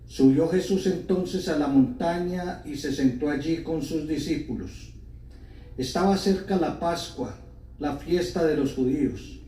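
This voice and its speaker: A man, a priest, solemnly reading scripture in a measured, deliberate way, his voice carrying a cathedral echo. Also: a little high, dark tone. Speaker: priest reading the Gospel at Mass. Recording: echoey church, cathedral-like echo, distant mic.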